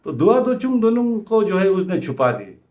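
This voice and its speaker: A man's voice: high-pitched, sing-song, moderate pace, a little mellow. A man narrating a folk tale in a loose conversational way, full of filler phrases. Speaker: storyteller. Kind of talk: casual oral storytelling.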